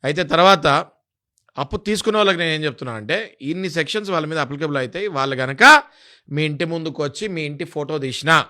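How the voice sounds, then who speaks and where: Male interview guest, high bright voice, firm lecturing delivery. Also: animated, fast talker. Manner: emphatic, lecturing, lists legal sections. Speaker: interview guest explaining legal rights. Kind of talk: interview explanation.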